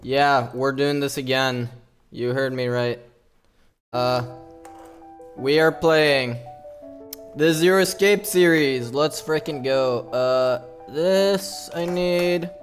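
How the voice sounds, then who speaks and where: A man's voice: mid-range voice, slow pace. A man streaming a speedrun, chatting casually to viewers and himself as he sets up, heard through livestream headset audio. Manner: talks to himself while setting up, hypes himself up. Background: music.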